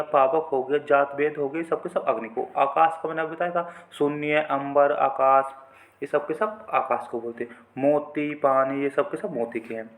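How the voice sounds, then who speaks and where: A man runs an exam-prep vocabulary quiz in a chatty, repetitive style. His voice sits a little high for a man. He keeps calling his viewers friends as he goes through the questions. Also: a bit bright. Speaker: teacher.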